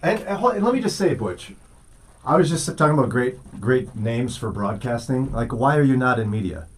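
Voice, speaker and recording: A man hosting a casual morning radio show, playful and quick to do mock news-anchor voices. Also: medium pitch, animated, a little hiss or hum. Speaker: radio host.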